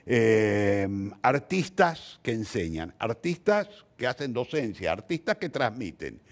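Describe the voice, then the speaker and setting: An older man with an Argentine Spanish accent, a theatre director and teacher, reflects during an interview. His mid-range voice is very animated, and he takes his time, repeating and rephrasing things for emphasis.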